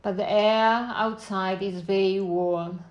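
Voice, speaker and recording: Guiding listeners through a slow, spoken visualization, a meditation guide offers gentle instructions in brief phrases with long silences between them. Her mid-range voice is slow and steady, and the audio sounds dull.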